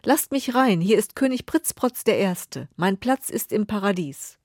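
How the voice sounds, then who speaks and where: A woman voicing a proud, stingy, grumpy king who talks loudly and indignantly. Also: medium pitch, animated, unhurried, no room sound, studio quality. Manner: loud, indignant, blustering.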